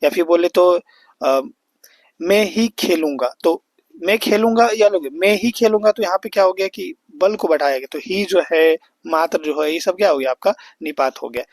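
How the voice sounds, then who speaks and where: High-voiced tutor explaining step by step. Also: male voice, fairly quick, dry recording. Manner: explains step by step, repeats and checks with "है ना". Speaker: teacher. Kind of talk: exam-prep grammar lesson.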